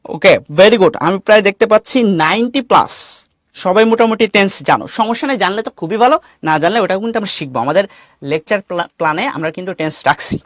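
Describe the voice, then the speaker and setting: High-voiced Bangladeshi teacher, dry sound. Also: male voice, lively intonation, fairly quick, fairly bright tone, no echo. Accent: Bangladeshi Bengali. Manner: asks questions and reads out student names; mixes English phrases into Bengali teaching. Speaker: English teacher. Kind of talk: online class lecture.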